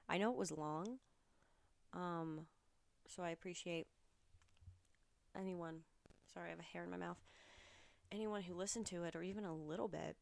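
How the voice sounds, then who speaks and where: A woman's voice: on the low side, gravelly. A woman hosting her own podcast alone, chatting casually in a rambling, candid way with some swearing. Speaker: podcast host. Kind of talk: casual solo podcast chat.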